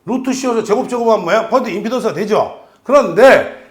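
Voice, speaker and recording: Animated male instructor in an echoey room. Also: high-pitched, brisk. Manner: animated, questions students constantly. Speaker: exam prep instructor. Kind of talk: lecture.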